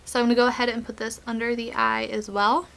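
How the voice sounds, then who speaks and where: Still recovering from a cold, a young woman's slightly high voice with vocal fry sounds worn and drops in and out as she chats about her makeup routine. She's a beauty vlogger, relaxed and chatty with lots of "um" and "like", her tone bright and a bit edgy. She sits right up to a webcam in a small bedroom.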